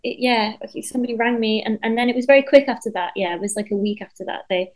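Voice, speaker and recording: Chatty, animated woman songwriter. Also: on the high side, fast talker, low-quality recording. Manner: animated, chatty, many fillers and restarts, swears casually. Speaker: interviewee, songwriter. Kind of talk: casual interview conversation.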